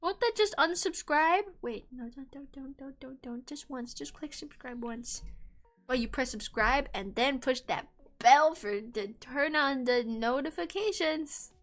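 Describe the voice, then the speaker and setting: A young woman chatting casually on a livestream in a cute, bubbly, animated anime-streamer manner, playful and giggly. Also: high-pitched, a little slow. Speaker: streamer hosting a live debut stream. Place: indoors at a home computer setup.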